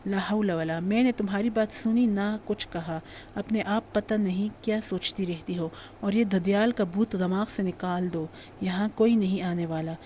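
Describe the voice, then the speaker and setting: A woman voicing a brisk middle-aged mother who scolds her daughter. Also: mid-range voice, mellow, slight background noise, lightly acted. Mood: scolding.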